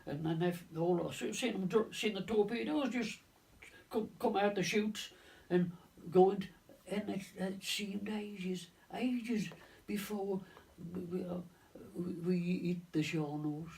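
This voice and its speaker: A man in his nineties tells his wartime navy memories in halting, restarting phrases, leaning on "of course". His voice is gravelly and slightly raised in pitch. He sits a little away from the microphone. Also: a little mellow. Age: 90s. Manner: halting, with many restarts and repeated words; leans on stock phrases like "of course" and "lo and behold". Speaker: navy veteran recounting wartime service. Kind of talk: oral history reminiscence. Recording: voice distant from the mic.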